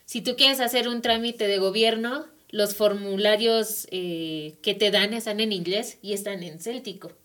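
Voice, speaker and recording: Speaking at a measured pace with hardly any pauses, this woman has a mid-range, fairly bright voice. She is a Mexican guest on language with a Mexican Spanish accent, explaining language issues in a radio studio for an academic talk show and often using tag questions.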